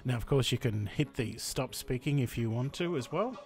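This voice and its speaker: A man from Australia hosting a software tutorial voice-over, explaining each step in a chatty way. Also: mid-range voice, animated, moderate pace, vocal fry. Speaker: tutorial host. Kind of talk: screen-recording tutorial voice-over.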